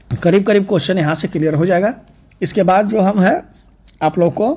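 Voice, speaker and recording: A man leads an exam-prep grammar lesson. He speaks in a fairly high voice and rattles off word pairs in a brisk, drilling manner, recorded close to the mic. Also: a little mellow. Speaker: teacher.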